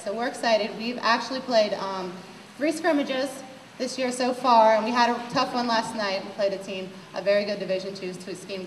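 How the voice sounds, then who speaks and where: A woman basketball coach giving an upbeat address to fans, speaking directly to the crowd. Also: medium pitch. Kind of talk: address to fans at a team event. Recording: echoey hall from far off, faint hiss.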